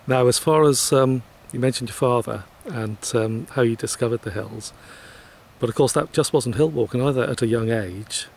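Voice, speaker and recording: A man's voice: mid-range voice, moderate pace, vocal fry, a little mellow, slight background noise. A man interviewing a guest in a polite, hesitant way, with many fillers. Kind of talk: conversational interview.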